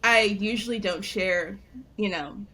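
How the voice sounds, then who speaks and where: A young adult woman in casual conversation, telling a personal story in an animated way, laughing often and saying "like" a lot. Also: mid-range voice, measured pace. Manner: animated, laughing, heavy use of "like". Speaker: guest storyteller. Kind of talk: casual interview chat.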